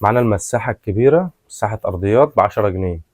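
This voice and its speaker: A man with an Egyptian Arabic accent giving a casual, repetitive sales pitch, presenting products in colloquial patter addressed to customers. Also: lively intonation, rapid-fire, a little mellow. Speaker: shop seller, product presenter. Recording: clearly noisy, rustling and clicking handling sounds.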